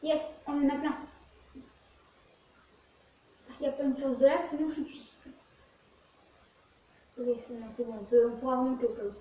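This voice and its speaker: High-voiced woman in a very echoey room. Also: normal speed, pauses often. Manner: narrates own actions in short fragments. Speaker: gaming video host. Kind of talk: casual let's play commentary. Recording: very echoey, distant, muffled, faint noise.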